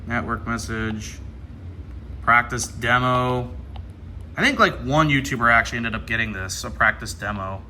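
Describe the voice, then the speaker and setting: Animated and bright, his mid-range voice pushed, the Ohio radio hobbyist talks at a moderate pace. The American man gives casual, hands-on unboxing commentary, muttering through menu items as he thinks aloud, with background noise clearly audible.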